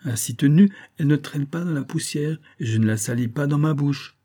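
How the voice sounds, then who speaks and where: A man's voice: on the high side, fairly quick, dark tone, pitched above the performer's own voice, close to an everyday voice. A man voicing a sly, wary male cat who teases with mock piety in a storybook reading. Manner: mock-pious, smug and teasing.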